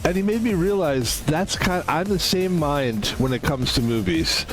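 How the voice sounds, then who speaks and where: A man's voice: fairly high pitch, lively intonation, a little slow, poor audio. Rambling man in his fifties streaming. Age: 50s. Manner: rambling, self-interrupting, chatty. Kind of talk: casual gaming stream chat.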